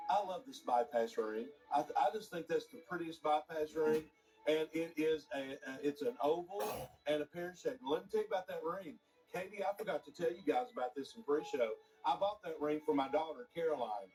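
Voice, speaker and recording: Man, shopping-channel host and gemologist, pitch a bit high, upbeat sales patter, mic slightly distant, faint music underneath. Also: mellow. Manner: enthusiastic, chatty salesman patter. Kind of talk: live home shopping presentation.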